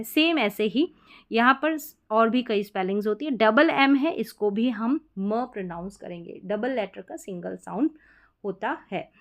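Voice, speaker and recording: Higher-voiced woman teaching pronunciation. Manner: patient, step-by-step, repeats example words. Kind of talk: explanatory lesson.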